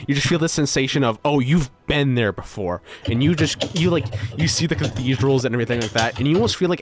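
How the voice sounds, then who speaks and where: A man's voice: medium pitch, noisy background. A man running a tabletop game as game master, narrating in a loose, rambling way full of ums and likes.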